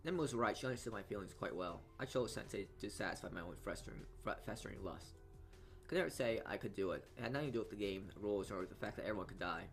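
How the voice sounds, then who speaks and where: Against game music, a let's player reads out visual novel narration and keeps tripping over words. His voice is on the low side and creaky, and his pace is quick.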